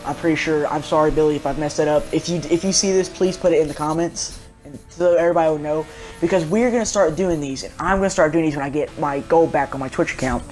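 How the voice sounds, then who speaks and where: A man's voice: on the high side, fast, darkish tone, soft background music. A young man, chatting casually and jokily as he reviews a racing game car for his viewers. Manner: rambling, jokey, chatty, talks straight to viewers. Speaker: gaming video host.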